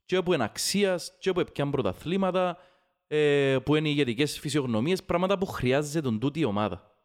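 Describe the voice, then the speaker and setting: A man with a Cypriot Greek accent and a slightly high voice talks through football in casual debate. He is opinionated and emphatic, often repeating himself to press a point. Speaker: football fan podcast host. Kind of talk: casual heated football discussion.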